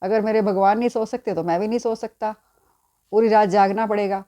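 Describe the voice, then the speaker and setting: A gentle male deity speaks fondly and with quiet amusement, as a woman storyteller voices him. The tone is warm and mellow, unhurried and tender. It is part of a spoken devotional tale. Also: medium pitch, fairly even intonation, close to an everyday voice. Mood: affectionate.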